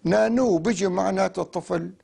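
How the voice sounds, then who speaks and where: A man's voice: high-pitched, fairly quick, vocal fry, warm tone, breathy edge. A man teaching a language lesson, repeating each word and breaking it into parts. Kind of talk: slow explanatory lesson, repeating words.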